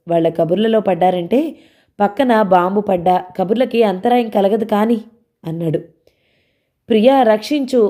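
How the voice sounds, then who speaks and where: A woman narrating a novel aloud and voicing the characters' dialogue. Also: mellow. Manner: changes pitch slightly for characters' quoted lines.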